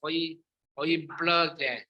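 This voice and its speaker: A man's voice: on the high side, fairly even intonation, measured pace, dull audio. A man with a Singaporean accent chatting casually and bluntly in clipped Singlish, slipping between languages. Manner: blunt, clipped, code-switching into Mandarin.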